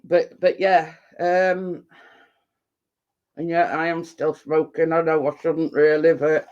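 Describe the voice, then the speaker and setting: A man with a Yorkshire accent speaks slowly in a level, high-leaning voice with a darkish tone and lo-fi sound. Chesty and bunged up while recovering from a cold and chest infection, the livestream host rambles casually to viewers in heavy dialect.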